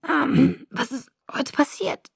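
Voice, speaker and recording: A woman voicing a half-drowned, shivering young woman who speaks in a hoarse, croaking whisper. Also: high-pitched, takes it slowly, dry recording, clean studio sound, pitched above the performer's own voice, exaggerated voice. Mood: hoarse, weak.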